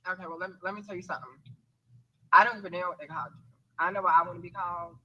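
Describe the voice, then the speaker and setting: A woman's voice: fairly low pitch, very fast, sharp tone, slightly rough, dull audio. A woman in her twenties, a caller who firmly stands her ground in an argument. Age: 20s. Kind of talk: heated on-air argument.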